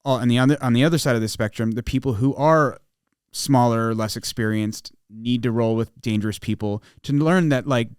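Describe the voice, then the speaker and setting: Teasing man, smooth clear voice. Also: mid-range voice, a little fast, no echo, studio quality. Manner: teasing, joking banter. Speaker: podcast co-host. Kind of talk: casual podcast chat.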